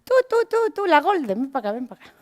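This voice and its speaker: Bossy, mocking female schoolteacher, high and swooping, voiced by a woman lecturer. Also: very animated, rapid-fire, no room sound. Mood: scornful. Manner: bossy, mocking, calling out loudly. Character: brusque scornful female schoolteacher.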